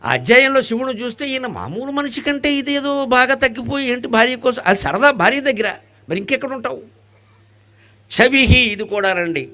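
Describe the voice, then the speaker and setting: A man with a high voice speaks as a spiritual discourse speaker in a devotional talk. Between jokes, rhetorical questions and Sanskrit chants, he alternates loud bursts with soft asides.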